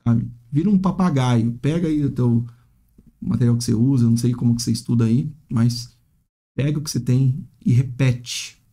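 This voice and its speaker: A man's voice: mid-range voice, moderate pace, warm tone. A man teaching English in a casual, chatty monologue, often ending phrases with tag questions and acting out hesitant students. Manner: chatty, frequent "né?" tags, acts out hesitant students.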